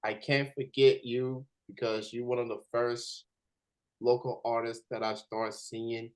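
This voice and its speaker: An American man interviews a guest in a casual, conversational style. His voice sits at a middle pitch, and he talks haltingly, often doubling back on his words. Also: level tone, clean tone. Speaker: interviewer, host.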